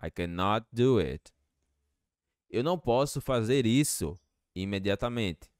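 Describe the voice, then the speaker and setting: A man teaching English to Portuguese speakers, slowly repeating each phrase with patience. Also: fairly low pitch, expressive, darkish tone, clear, resonant tone, dry recording, studio quality.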